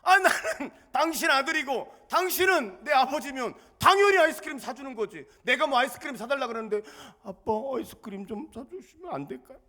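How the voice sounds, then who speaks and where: A man's voice: very high voice, expressive, fairly quick, hardly any pauses, pushed and bright, voice pushed up, heavily acted. A man doing a bold cheeky little boy. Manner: cheeky, confident demanding. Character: bold cheeky six-year-old boy.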